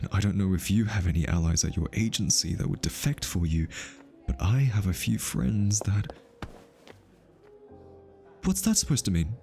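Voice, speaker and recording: In an intimate ASMR roleplay, a man plays a hitman who is lovestruck, defensive and easily flustered, stammering, sighing and dropping into breathy whispers. His lowish voice has a warm tone, and the mood is serious and exasperated.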